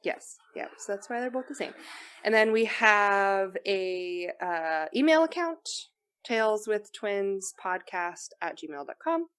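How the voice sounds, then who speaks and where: A woman's voice: mid-range voice, animated, unhurried, a bit bright, clean tone. A young woman co-hosting a podcast in casual chat, rambling with lots of fillers and frequent giggles. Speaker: podcast co-host.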